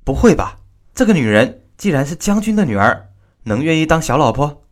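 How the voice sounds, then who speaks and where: A man's voice: mid-range voice, big pitch swings, brisk. A man voicing a police detective who asks short, probing questions in a spoken story. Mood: curious. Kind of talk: storytelling narration.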